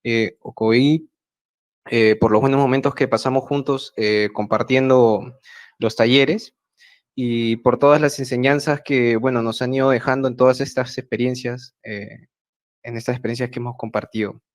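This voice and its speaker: A man with a Peruvian Spanish accent gives a prepared talk over a video call. He speaks in a measured way and fills his pauses with hesitant fillers. His voice sits at a middle pitch for a man. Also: steady tone. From Peru, central Andes. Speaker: speaker at an online project meeting. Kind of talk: prepared talk at a web meeting. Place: home, remote video call. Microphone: video call mic.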